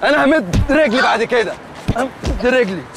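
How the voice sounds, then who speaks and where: A man's voice: very high-pitched, animated, brisk, background noise. An actor playing a hot-headed, loutish male entertainer with an Egyptian accent, blustering and threatening in a comedy series. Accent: Egyptian Arabic.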